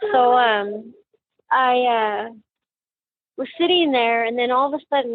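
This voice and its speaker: A middle-aged woman, a grieving mother, recounting a painful memory in an interview, halting and emotional with many pauses and fillers. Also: on the high side, breathy edge, no room sound. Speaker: mother of a murder victim. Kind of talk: personal account in an interview. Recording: tinny phone-like sound.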